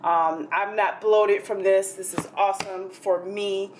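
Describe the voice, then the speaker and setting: A woman's voice: mid-range voice, steady tone, unhurried, roomy sound, slight background noise. A young woman talking casually to camera in her home kitchen, chatting loosely with lots of fillers. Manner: chatty, rambling, with many fillers. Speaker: fitness vlogger. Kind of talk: casual vlog chat. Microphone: camera held close.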